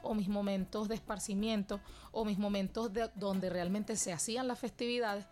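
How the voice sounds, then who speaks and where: A Venezuelan woman, a dance teacher and cultural guest, answers interview questions about her dance classes in long, flowing sentences, sounding earnest and reflective. She has a Venezuelan Spanish accent and a mid-range, darkish voice with fairly even intonation at normal speed, while faint music plays behind her.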